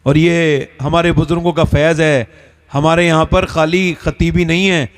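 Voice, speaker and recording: A man's voice: a little high, little pitch movement, a little slow. A man from northern India preaching a sermon, telling stories and quizzing his audience with rhetorical questions.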